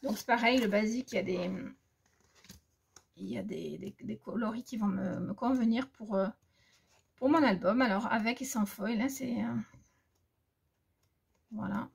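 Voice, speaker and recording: A woman's voice: medium pitch, moderate pace, gravelly, pauses often, husky. A woman casually showing craft paper pads in a vlog, talking hesitantly with many fillers and restarts. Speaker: crafting vlogger. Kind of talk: casual haul chat. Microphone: phone.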